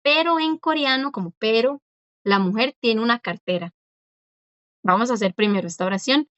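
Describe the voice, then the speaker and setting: A woman's voice: a little high, normal speed, fairly bright tone, no echo. A woman teaching a class, patiently explaining and repeating, often checking that the students follow along. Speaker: language teacher. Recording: dry, dull lo-fi sound.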